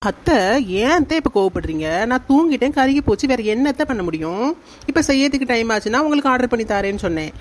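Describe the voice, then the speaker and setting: A woman's voice: on the high side, sing-song, quick pace. A woman voicing a lazy, cheeky young cartoon daughter-in-law who talks back and mutters asides in Tirunelveli Tamil.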